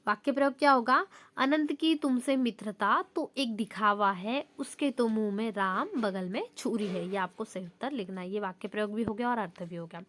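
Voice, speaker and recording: A young woman teacher going step by step through exam answers and reading sample sentences aloud in a steady, explanatory way. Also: medium pitch, normal speed.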